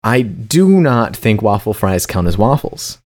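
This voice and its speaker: A man's voice: fairly low pitch, very animated, unhurried, a little mellow. A man co-hosting a casual comedy podcast, playful and mock-serious, reading food news and stumbling over tongue twisters. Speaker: podcast co-host.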